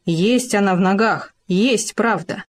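A woman's voice: medium pitch, measured pace, natural voice. A woman voicing a stubborn male hamster who muses in a thoughtful, self-important way. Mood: musing.

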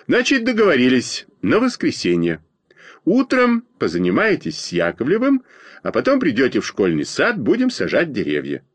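A man voicing a bossy schoolgirl class leader who speaks in a firm, drawn-out, lecturing way, in a storybook reading. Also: mid-range voice, huge pitch swings, husky, no room sound, pitched above the performer's own voice.

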